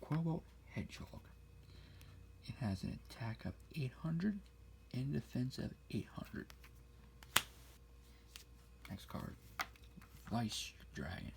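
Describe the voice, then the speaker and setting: A man speaking very quietly, sometimes whispering, close to the ear in an ASMR style, reading things out slowly. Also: mid-range voice, vocal fry, slight background noise. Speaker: ASMR card collector showing a deck. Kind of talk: quiet ASMR talk, soft-spoken to whispered. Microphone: close-up ASMR mic.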